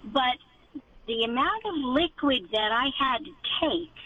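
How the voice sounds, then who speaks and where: A woman's voice: high-pitched, lively intonation, a little slow, pushed and bright, slight background noise. A woman caller on a clipped phone line from her car, rambling through details to a radio advice host. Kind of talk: call-in radio talk. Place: inside a car.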